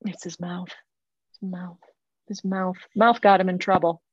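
A woman's voice: on the low side, steady tone, measured pace, breathy edge, no echo, lo-fi sound. A woman giving a psychic reading over a remote call, earnest and insistent, often stopping and repeating her phrases. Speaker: psychic medium.

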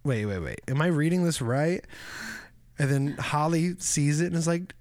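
A man co-hosting a casual chat, telling stories in a rambling, animated way, with swearing and mimicked voices. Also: on the high side, normal speed, dry recording, studio quality. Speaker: podcast co-host.

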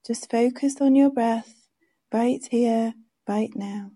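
Woman, meditation guide, very mellow tone, slightly high voice, very slow, soothing. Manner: gentle, soothing, unhurried instructions.

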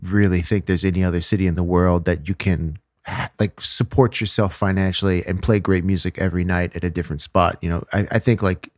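A man with a deep voice conducts a casual interview. His phrasing is colloquial and somewhat hesitant, and the recording is dry with little room sound. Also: steady tone, fairly quick, few pauses, no echo.

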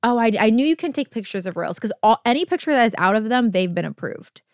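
A young woman co-hosting a podcast, an actor telling animated stories in casual chat, full of "like". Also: on the high side, fast, dry recording, clean studio sound. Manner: animated storytelling, heavy use of "like". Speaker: podcast co-host.

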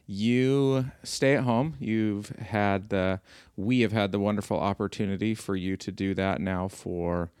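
A man's voice: on the low side, steady tone, a little slow, hardly any pauses, darkish tone, smooth, no echo, studio quality. A man in his forties hosting a casual podcast at home, rambling and correcting himself as he teases his wife. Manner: rambling, self-correcting, teasing. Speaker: podcast host. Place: living room floor at home.

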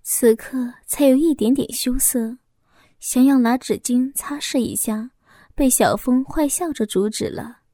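A woman narrating a first-person audio story in a soft, intimate reading voice, sometimes dropping to a whisper. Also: high-pitched, unhurried, no room sound, clean studio sound.

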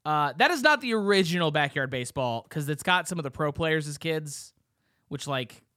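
A young man co-hosting a casual podcast chat, excited and rambling, swearing freely as he reminisces. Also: a little high, normal speed, dry recording, studio quality. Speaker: podcast co-host.

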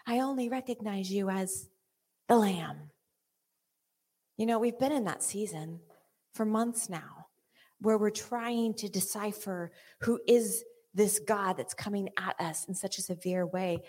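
A woman preaching a charismatic sermon to a room, animated and playful, acting out quoted voices, then dropping low and intense. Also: unhurried, breathy edge, big-room sound. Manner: animated, acts out quotes of God and the congregation. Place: church meeting room.

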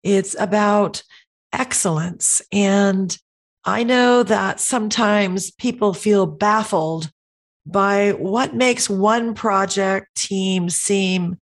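A middle-aged woman hosting a podcast, speaking in an earnest, teaching tone with a voice hoarse from a cold. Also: mid-range voice. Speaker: podcast host. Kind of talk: podcast monologue.

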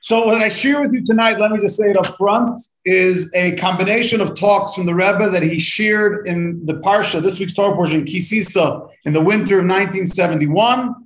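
A man's voice: high voice, moderate pace, few pauses, echoey room, low-quality recording. A man teaching a live-streamed Torah lesson, chatty and upbeat as he greets viewers by name and then explains the text. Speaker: rabbi teaching a weekly Torah class.

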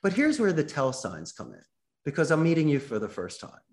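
A man, a guest on a podcast interview, explaining phone sales and acting out sample calls with lively quoted lines. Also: on the high side, brisk. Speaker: guest, call center owner.

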